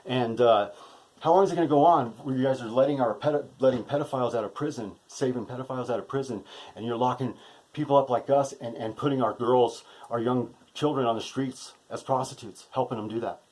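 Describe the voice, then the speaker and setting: A man's voice: medium pitch, fairly quick, darkish tone. A shaken man delivering an impassioned, profane monologue to camera, often ending phrases with a tag question. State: emotionally shaken. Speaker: vlogger.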